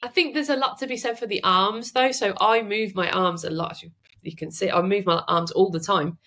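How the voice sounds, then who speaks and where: A woman guest on a podcast who chats in a lively way and often laughs. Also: medium pitch, brisk, a little hiss or hum. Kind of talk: casual interview chat.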